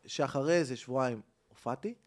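A man, a comedian, telling a comic story in casual chat and acting out the people in it. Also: mid-range voice. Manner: animated, acts out the people in his story. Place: rooftop.

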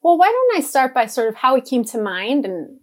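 A woman's voice: high voice, very animated, fairly quick, darkish tone. A woman in her thirties from Guatemala, a podcast guest speaking in an earnest, flowing way with fillers. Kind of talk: casual podcast conversation.

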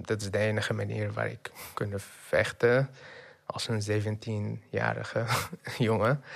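Slow, gravelly young man from Syria. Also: fairly low pitch. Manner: halting, with many pauses and fillers, dropping in English words. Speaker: refugee telling his story. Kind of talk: personal testimony.

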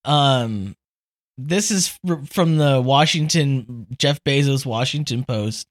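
A woman in her thirties co-hosting a casual podcast, laughing often and reacting with animated outrage. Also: rumbling low. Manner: giggly, animated, quick to laugh. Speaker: podcast co-host.

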